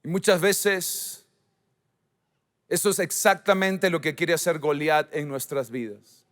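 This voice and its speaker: A man preaching as a pastor, with emphatic swings in pitch and volume. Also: steady tone, takes it slowly, fairly bright tone. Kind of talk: sermon. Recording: church hall reverb.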